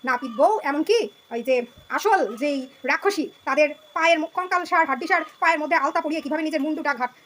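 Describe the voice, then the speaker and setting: Young woman, very high and very fast, mocking monologue, faint background hum. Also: a bit bright. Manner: mocking, taunting, direct address. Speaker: vlogger venting about family. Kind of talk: sarcastic monologue with sung lines.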